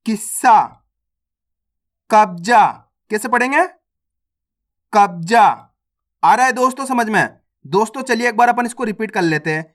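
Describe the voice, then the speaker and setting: A man with a fairly high voice leads an online reading lesson. He drills each word patiently and repetitively, asking how it should be read before sounding it out. His tone is casual and friendly toward the viewers. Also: fairly bright tone. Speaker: Hindi reading teacher.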